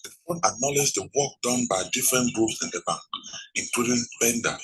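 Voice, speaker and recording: A man reading a formal news report as the correspondent, in a measured voice. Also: mid-range voice, a bit bright, breathy edge. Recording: noisy background hiss.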